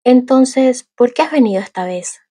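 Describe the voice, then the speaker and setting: A touchy young nobleman of an audiobook romance, curt and icy, his pride easily wounded, as a woman reads him. The voice is faintly husky and breathy, close and dry with no room sound. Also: sits high, animated, normal speed, dark tone, no room sound, voice pushed up. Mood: puzzled. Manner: cold and curt, easily offended. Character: proud, short-tempered young male cultivator heir.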